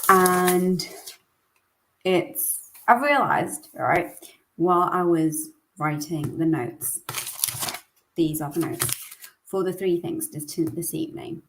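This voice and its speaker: A woman's voice: on the low side, takes it slowly, long pauses, a little hiss or hum. Chatty thirty-something woman doing her weekly vlog, rambly and emphatic. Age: 30s. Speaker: coach and weekly vlog host. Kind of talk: casual talk to camera.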